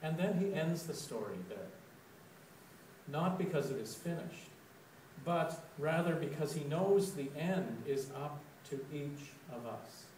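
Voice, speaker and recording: Slow-speaking man preaching in an echoey church. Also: a little high, animated, a little mellow, a little hiss or hum. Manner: slow, deliberate storytelling, with dramatic quoted outbursts. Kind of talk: sermon reflection. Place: church sanctuary. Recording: echoey church, recorded from a distance.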